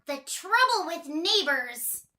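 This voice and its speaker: A woman plays a tiny storybook mischief-maker, a scheming little miss with a very high, bright voice. She exclaims in sing-song swoops, full of cheek. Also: very animated, slow, full character voice. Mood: fed up.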